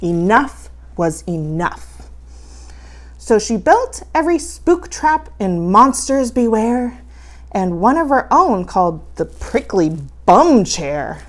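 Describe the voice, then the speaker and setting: Female horror host for children's storytime: campy, playfully spooky, higher-pitched, highly animated storybook read. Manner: dramatic, playfully spooky, drawn-out delivery.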